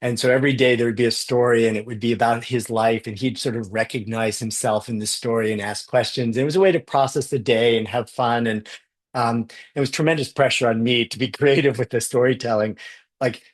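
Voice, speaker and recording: At a conference, a man gives an enthusiastic keynote talk, often repeating words as he goes. He speaks a little fast in a medium-pitched voice with fairly even intonation.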